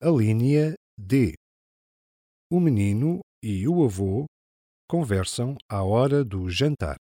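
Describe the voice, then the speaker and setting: Man, European Portuguese accent, scripted test narration, very slow, dry sound. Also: mid-range voice, animated, warm tone, no room sound. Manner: slow, deliberate, instructional. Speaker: exam narrator.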